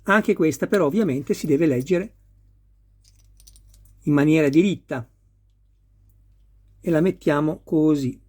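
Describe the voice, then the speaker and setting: Male hobbyist, slightly raised pitch, husky tone, patient step-by-step tutorial. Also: unhurried, pauses often, darkish tone. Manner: patient, talks viewers through each step. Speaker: model kit builder. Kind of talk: hands-on assembly tutorial.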